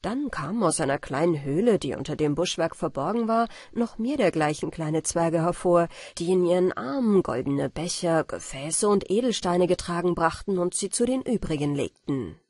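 A woman narrating a bedtime fairy tale in a calm, even reading voice. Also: lowish voice, moderate pace, hardly any pauses, no echo, clean studio sound. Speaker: audiobook narrator.

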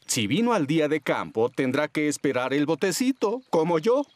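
A jovial daddy pig. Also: male voice, a little high, sing-song, moderate pace, darkish tone. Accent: Latin American Spanish. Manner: sighing, jovial. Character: good-natured hungry daddy pig. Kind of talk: cartoon dub voice acting.

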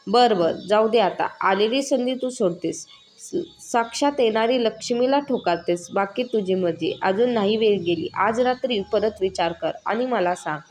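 A woman's voice: medium pitch, normal speed, darkish tone, lightly acted. A woman voicing a scheming, lecherous male village moneylender in a spoken story, menacing and coaxing. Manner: menacing, coaxing then threatening.

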